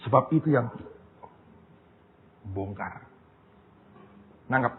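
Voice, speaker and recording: A man preaching a sermon as pastor, telling stories in a lively way and often turning to his listeners as brothers and sisters. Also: mid-range voice, slow pace. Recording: tinny phone-like sound, long hall reverb, faint noise.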